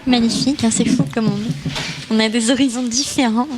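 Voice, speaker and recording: A woman's voice: fairly high pitch, steady tone, moderate pace, heavy background noise. A woman filling in as host of a studio talk show, asking questions hesitantly. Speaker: stand-in host.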